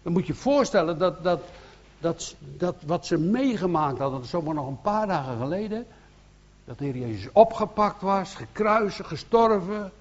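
Male evangelist, Dutch accent, husky middle voice, earnest sermon with emphatic swells, dull lo-fi recording. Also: high voice, animated, normal speed. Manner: earnest, repetitive restarts, rising to emphatic bursts. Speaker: evangelist preacher.

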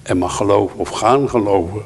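A man's voice: fairly low pitch, fairly quick, vocal fry, darkish tone, a little hiss or hum. A man preaching a sermon, earnest, quoting scripture and hymn verses and telling a pastoral story. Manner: earnest, quotes scripture and hymns.

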